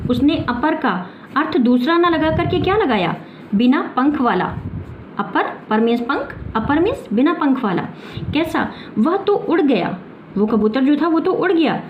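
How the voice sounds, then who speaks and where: A woman teaching a grammar lesson, explaining step by step and answering her own questions. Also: sits high. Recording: muffled with clear background noise.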